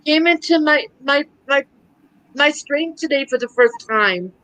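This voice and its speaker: Excitable woman hosting a livestream. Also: high-pitched, unhurried, low-quality recording. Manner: chatty, excitable, laughs often. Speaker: livestream host. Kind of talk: casual chat.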